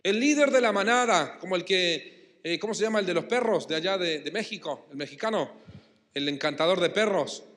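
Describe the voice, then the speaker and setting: Argentine man preaching from the pulpit, high voice, lively call-and-response, big church reverb. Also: a little fast. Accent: Rioplatense Spanish. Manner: emphatic, calls the congregation to repeat and answer. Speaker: pastor. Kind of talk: sermon. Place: church hall. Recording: long church-hall reverb.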